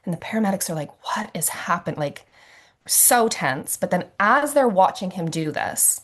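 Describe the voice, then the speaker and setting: A woman's voice: medium pitch, big pitch swings, normal speed, fairly bright tone. A woman facilitating a trauma-informed masterclass on a video call, telling stories in a conversational way with fillers and acted quotes. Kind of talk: teaching a recorded masterclass.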